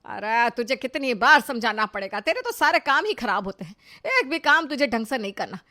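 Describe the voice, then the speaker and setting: A domineering middle-aged mother-in-law in a storybook tale, as a woman narrator puts her on. She talks loud and bossy, in a slightly high voice. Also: expressive, moderate pace. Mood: scolding. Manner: scolding, bossy.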